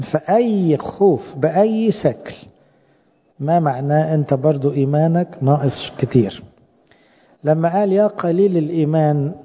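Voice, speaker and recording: A man's voice: fairly high pitch, creaky, breathy edge, in a large hall, dull audio. A man with an Egyptian Arabic accent preaching a sermon, asking the congregation rhetorical questions.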